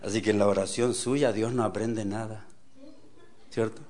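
A man preaching a sermon, with rhetorical questions to the audience and a delivery that swings from loud exclamations to quiet asides. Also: on the low side, fairly even intonation, moderate pace. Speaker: pastor.

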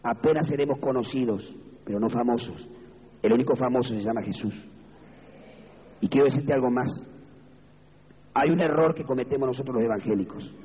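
A man with an Argentine Spanish accent preaching an evangelical sermon as pastor, moving from low, measured speech to high, fervent exclamations. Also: slightly rough. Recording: reverberant hall, dull lo-fi sound, faint background noise.

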